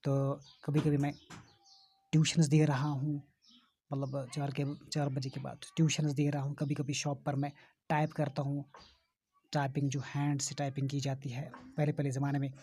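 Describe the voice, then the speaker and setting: A man's voice: mid-range voice, completely flat delivery, moderate pace, mellow, slight background noise. A man teacher, explaining a textbook story to pupils and restating each phrase with synonyms. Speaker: school English teacher.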